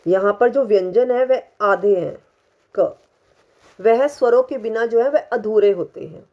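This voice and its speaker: A woman with a fairly high voice teaching young children. She speaks very slowly, drawing out each syllable and word for the class to follow and repeat. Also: dark tone, highs cut off. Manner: slow, drawn-out syllables for repetition.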